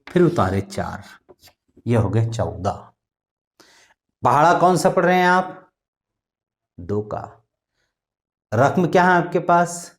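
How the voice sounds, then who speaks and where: A man with explains arithmetic in a slow, patient classroom manner. He poses questions to the pupils and chants times tables in a singsong. His voice swings widely in pitch, rising on questions and dropping low at the ends of lines. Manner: recites multiplication tables in a singsong way. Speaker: math teacher. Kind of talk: classroom lesson.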